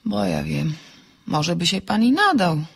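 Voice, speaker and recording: A woman's voice: lowish voice, sing-song, a little slow, gravelly, slightly rough, full character voice. An actress playing a dry, ironic woman architect in a radio drama, trading quips on the phone. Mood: wry. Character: wry, sharp-tongued woman architect.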